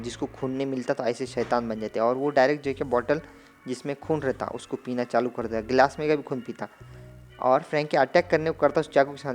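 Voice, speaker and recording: A man casually retelling a film's plot as a recap narrator, in a loose, rambling way full of filler phrases. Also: mid-range voice. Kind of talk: casual spoken movie recap.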